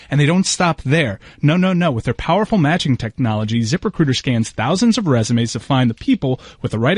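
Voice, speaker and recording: A man co-hosting a podcast, reading a sponsor ad in a playful, over-the-top pitchman way. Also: no room sound. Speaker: podcast co-host. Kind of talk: ad read.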